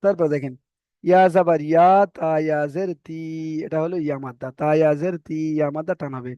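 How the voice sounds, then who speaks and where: A man teaching Quran reading, spelling out letters and vowel marks and then chanting each word slowly. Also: on the high side, mellow, no room sound, highs cut off. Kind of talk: spelled-out recitation lesson.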